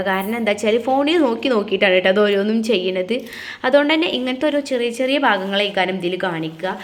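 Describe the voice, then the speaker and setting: A woman, casually chatting to viewers step by step while making crafts at home. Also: on the high side. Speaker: family vlogger. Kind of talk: casual crafts vlog chat.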